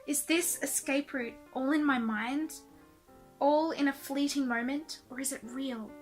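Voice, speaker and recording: A woman's voice: high voice, measured pace, soft background music. A young woman reading her old diaries aloud in a casual, self-mocking and embarrassed way. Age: young adult. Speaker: vlogger.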